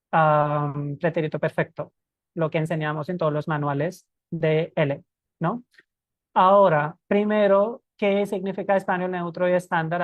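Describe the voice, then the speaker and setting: A woman's voice: fairly low pitch, a little mellow, no room sound. A woman teaching Spanish teachers in a live stream, explaining emphatically and correcting herself as she goes.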